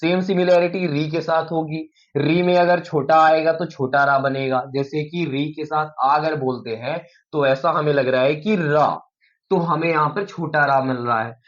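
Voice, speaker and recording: A man's voice: a little high, fairly even intonation. Man teaching grammar, sounding out syllables. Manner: repeats sounds aloud, slows down to spell out examples. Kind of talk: explaining a lesson at a board. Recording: muffled lo-fi recording.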